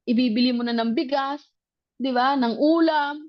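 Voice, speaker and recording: A woman's voice: sits high, moderate pace, dry recording, lo-fi sound. A woman telling a personal story in casual testimony, animatedly acting out the dialogue she recalls. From grew up in the provinces. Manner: animated, acts out quoted dialogue. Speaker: speaker sharing a personal testimony.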